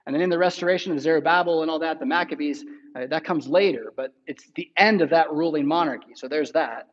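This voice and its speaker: A man's voice: on the high side, quick pace, muffled recording. A male pastor preaching a sermon in a conversational way, reading scripture aloud and often checking in with "right?".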